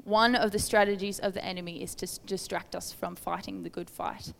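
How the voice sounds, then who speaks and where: A woman's voice: mid-range voice, steady tone, fairly quick, creaky, in a large hall. A woman giving an informal, conversational sermon, earnest and questioning toward her listeners. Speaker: preacher. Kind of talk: informal sermon with Bible reading.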